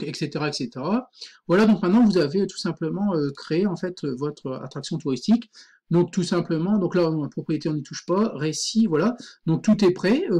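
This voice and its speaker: A man teaching a screen-recorded software tutorial, informal and thinking aloud, full of fillers. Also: on the high side, slightly rough.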